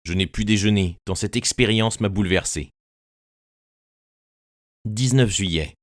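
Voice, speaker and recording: A man with a very low voice narrates a first-person classic story for an audiobook. His delivery is measured and immersive, and the close studio recording is dry with no room sound. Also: no echo.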